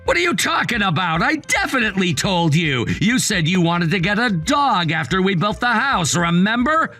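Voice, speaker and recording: A man's voice: sits high, sing-song, normal speed, sharp tone, soft background music, heavily acted. A man voicing a betrayed young husband in a dramatized text story, curt and icy.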